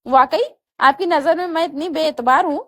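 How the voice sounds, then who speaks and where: A wounded young wife pleading with her husband, read by a woman narrator. The voice is high and emotional, with a tearful edge, in a storybook reading. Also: a bit bright, no echo. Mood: hurt.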